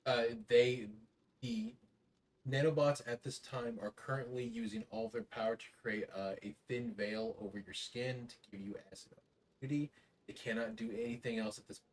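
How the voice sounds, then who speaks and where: A man improvising tabletop game narration as game master, in a halting, descriptive way. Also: medium pitch, lively intonation, a little hiss or hum. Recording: voice distant from mic.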